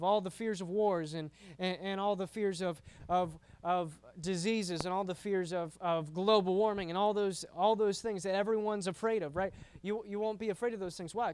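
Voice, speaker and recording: A man's voice: high-pitched, a little mellow, clear, resonant tone. A man preaching to a youth group in a casual, conversational way, often repeating words and checking in with "right?". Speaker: youth pastor.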